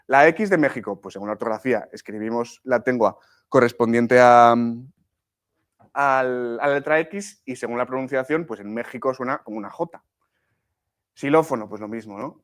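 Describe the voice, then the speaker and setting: A man from teaches a live workshop in a middle-pitched voice. He explains patiently and in pieces, restarting phrases and checking in with the room after almost every point. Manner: explanatory, frequent checks with "¿sí?" and "¿vale?", many restarts.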